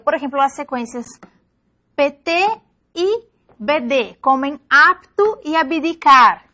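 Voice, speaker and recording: High-voiced woman lecturing. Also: fairly bright tone. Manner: explanatory, checks in with frequent "perfecto". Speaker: teacher. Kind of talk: online lecture.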